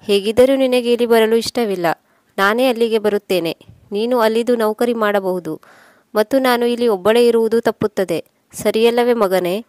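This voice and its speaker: A woman's voice: fairly high pitch, normal speed, a little mellow, dry recording, lightly acted. Aging widowed mom in a spoken story, pleading, teary, woman doing her, dry close mic. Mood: gentle. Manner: pleading, tearful appeals.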